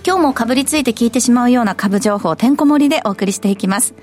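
A woman hosting a radio market show, reading announcements in a clear, polite announcer manner. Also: on the high side, fast talker, a little mellow, soft background music.

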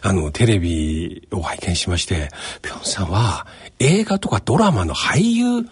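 A male radio host in a studio, heaping praise on his guest and laughing easily. His voice is deeply raspy and swings widely in pitch. It sits on the low side. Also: moderate pace. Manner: effusive, flattering, laughs often. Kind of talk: radio interview.

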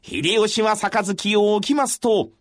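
A male storyteller giving a traditional storytelling performance in a measured, formal recitation with dramatic pauses. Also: sits high, no room sound, clean studio sound.

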